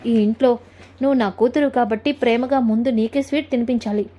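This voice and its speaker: A woman voicing a middle-aged father who explains himself gently but firmly, in a retold family serial. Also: on the high side, fairly quick, highs cut off, a little hiss or hum, close to an everyday voice.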